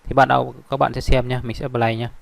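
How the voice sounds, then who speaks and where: Quick-talking man with a gravelly voice. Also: mid-range voice, level tone, no echo. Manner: rambling, many fillers and restarts. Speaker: software tutorial instructor. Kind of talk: screen-recorded tutorial.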